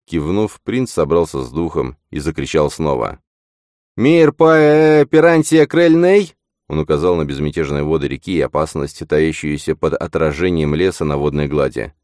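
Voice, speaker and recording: A man reading a fantasy audiobook as narrator in steady scripted narration. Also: a bass voice, brisk, hardly any pauses, no echo, clean studio sound.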